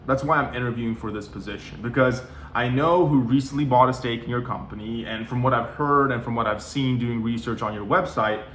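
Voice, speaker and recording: A man's voice: mid-range voice, fairly bright tone, a little hiss or hum. Young man, conversational advice. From Norway. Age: 20s. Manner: conversational, with frequent "you know" and "like". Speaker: sales coach. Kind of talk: casual talking-head advice. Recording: roomy echo.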